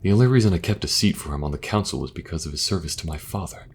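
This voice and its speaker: Young king, kind and burdened; soft-spoken, halting, very low voice; male actor. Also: animated, slight background noise. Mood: troubled. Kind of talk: fantasy audio roleplay.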